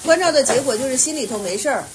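A woman meditation teacher with a slightly high voice, answering students' questions in a Buddhist talk. She explains patiently and at length, often humming soft agreement. Her tone stays calm and explanatory. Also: racing, noisy background. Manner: patient, explanatory, many soft affirming hums.

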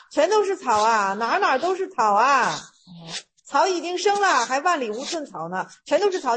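A woman's voice: high-pitched, fairly bright tone. A woman giving an informal talk on Zen koans, retelling the story loosely and often repeating phrases as she explains.

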